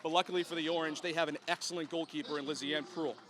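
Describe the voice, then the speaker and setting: Music plays behind a young man in his early twenties who races through live sports play-by-play and show openings. His voice is a little high and his tone steady, with the polished, emphatic delivery of a broadcast announcer and host.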